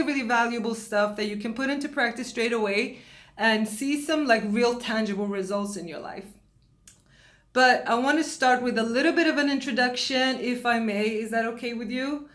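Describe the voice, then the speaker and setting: A woman who grew up in Sweden, an astrologer, talking casually to camera from her home, with many fillers and restarts. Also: a little high. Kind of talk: casual vlog talk to camera.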